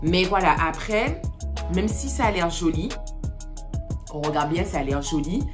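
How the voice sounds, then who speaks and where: Brief: woman hair vlogger, low voice, chatty and exclamatory, music underneath. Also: animated, a little slow. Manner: chatty, addresses viewers as sweeties, exclaims. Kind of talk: casual product review. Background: background music.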